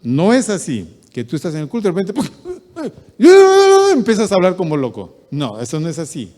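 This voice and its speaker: A man preaching a midweek sermon as pastor, swinging from loud bursts down to quiet asides. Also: on the high side, fast, big-room sound. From Peru. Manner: animated preaching, rising loud bursts and dropping to near-mutters. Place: church hall.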